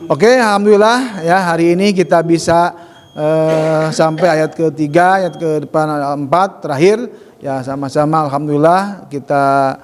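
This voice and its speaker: A man teaching Quran recitation in a casual lesson, correcting pronunciation by slowly modeling sounds. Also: on the high side. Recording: reverberant hall.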